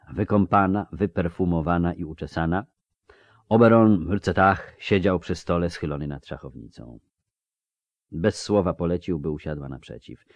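Lively low-voiced male narrator. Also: dry recording, highs cut off. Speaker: audiobook narrator. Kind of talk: scripted narration.

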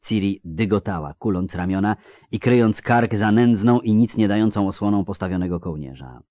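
A man reading an audiobook in a dramatic, expressive way. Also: on the low side, moderate pace, no echo, clean studio sound. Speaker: narrator.

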